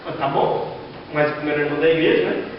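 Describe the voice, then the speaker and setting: High-voiced Brazilian pastor in echoing hall. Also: male voice, completely flat delivery, quick pace, slight background noise. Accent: Brazilian Portuguese. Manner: storytelling, acting out quoted voices, rhetorical questions. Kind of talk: sermon. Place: large echoey church hall. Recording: echoey hall from far off, dull sound.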